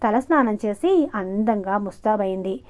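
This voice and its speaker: A woman storyteller narrating an audiobook novel with a steady, expressive reading. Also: medium pitch, normal speed. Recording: muffled lo-fi recording.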